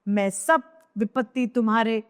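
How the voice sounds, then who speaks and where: A woman's voice: fairly high pitch, steady tone, measured pace, clean tone, big-room sound, lightly acted. Woman reading as a wailing grieving queen mother. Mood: grief-stricken. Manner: wailing lament, cries of hai.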